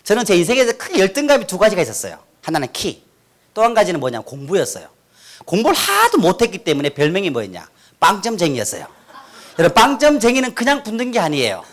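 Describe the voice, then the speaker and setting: A man's voice: sits high, quick pace. A middle-aged man from Korea's North Gyeongsang region giving a humorous church testimony, acting out quotes and having the crowd repeat after him. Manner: animated, acts out quotes, leads crowd in repeating. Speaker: guest speaker giving testimony. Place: church hall with audience. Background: audience laughter.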